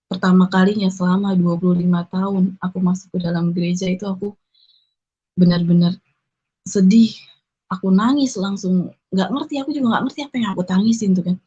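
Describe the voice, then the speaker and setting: A young woman earnestly and emotionally shares her conversion testimony in a casual storytelling style, acting out the people she met through quoted dialogue. Her voice is on the low side, mellow and slightly rough, captured in a dull lo-fi recording.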